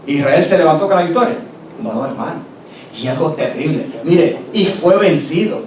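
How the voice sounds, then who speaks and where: A man preaching a sermon, slowing down to stress scripture and calling on the congregation to answer back. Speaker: pastor. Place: church hall. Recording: roomy church recording from a distance, faint rumble.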